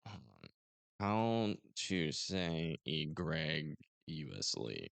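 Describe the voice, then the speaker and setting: A man's voice: a bass voice, very animated, drawn-out words, creaky, fairly bright tone, no room sound. A man co-hosting a podcast in casual chat, joking, laughing often and stubbornly arguing his point. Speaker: podcast co-host.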